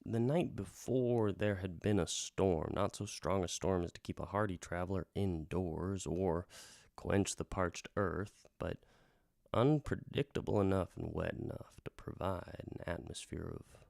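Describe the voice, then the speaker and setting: Speaking as a bard in a radio drama, this host narrates a first-person fantasy story in a low, gravelly voice with fry. His theatrical, leisurely delivery uses florid, folksy wording and sinks into hushed emphasis at times. It is recorded close and dry, without echo.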